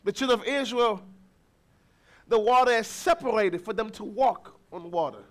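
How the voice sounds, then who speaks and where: A man preaching a sermon as pastor, telling a family story and acting out the people in it, with bursts of shouting. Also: sits high, moderate pace. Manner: animated, acts out voices, shouts encouragement.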